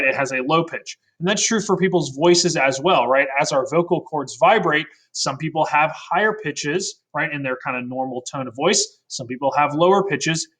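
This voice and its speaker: A man's voice: fairly high pitch, fairly bright tone. A man teaching a recorded science lesson in a casual way, often adding "right?" and correcting himself mid-sentence. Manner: fillers and self-corrections.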